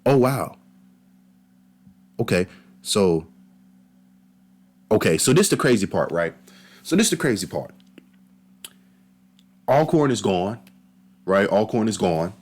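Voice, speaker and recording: A man giving casual, animated reaction commentary on a marching band battle, talking slangy and straight to his viewers. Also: lowish voice, takes it slowly, pauses often.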